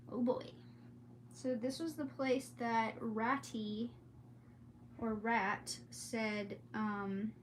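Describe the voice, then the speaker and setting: Her voice sits fairly high, and the recording carries a slight hiss or hum. Hosting a read-aloud stream, she rambles casually, exclaims often, and gets sidetracked easily, like a chatty vlog.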